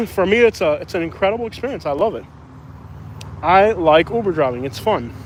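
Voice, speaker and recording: Walking outside on a city street, the same Cuban rideshare driver livestreams casually, blunt and opinionated, rambling and starting over mid-thought. The low-quality recording carries a little hiss or hum, and his high voice moves at a moderate pace with lively intonation.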